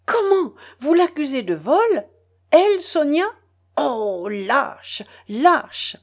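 A woman's voice: a little high, lively intonation, measured pace, darkish tone. A woman voicing a frantic, consumptive mother who rails shrilly and scornfully in an audiobook scene. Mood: furious. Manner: shrieking, scornful tirade.

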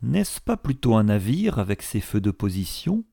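A man voicing Count Timascheff, a calm older nobleman. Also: fairly low pitch, normal speed, creaky, no room sound, studio quality, heavily acted. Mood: composed. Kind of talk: audiobook character reading.

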